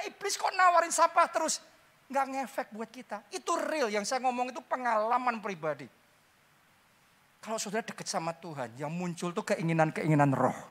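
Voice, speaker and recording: A pastor preaching a sermon in an animated way. The delivery swings between quiet asides and loud, emphatic lines, repeats phrases for emphasis and drops in short English phrases. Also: mid-range voice.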